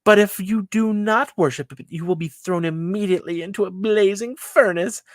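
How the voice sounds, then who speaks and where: A man voicing a pompous, ego-driven ancient male king in a high-pitched, boastful and threatening voice, during casual Bible-study storytelling. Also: moderate pace, no room sound, clean studio sound, close to an everyday voice. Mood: haughty threatening.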